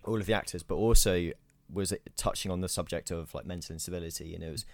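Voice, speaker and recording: A man's voice: low voice, steady tone, quick pace, creaky, no room sound. A young man, chatting enthusiastically on a podcast, hesitating and repeating himself often. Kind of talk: casual chat.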